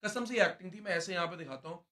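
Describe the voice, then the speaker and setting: A man's voice: high voice, very fast, bright, forceful tone. A young man animatedly telling a story in a casual chat, acting out quotes and laughing as he goes. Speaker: reality show contestant recounting a fight.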